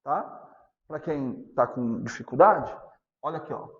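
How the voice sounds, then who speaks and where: A Brazilian male physics teacher giving a class lecture, often stopping to ask whether students are following and repeating key points slowly. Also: medium pitch, lively intonation, highs cut off. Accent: Brazilian Portuguese. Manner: asks constant check questions, repeats points slowly.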